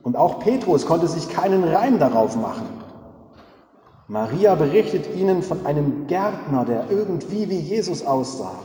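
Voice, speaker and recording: A man's voice: medium pitch, warm tone. A man preaching a sermon, using rhetorical questions and repeated three-word refrains. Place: church. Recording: echoey church with long reverb.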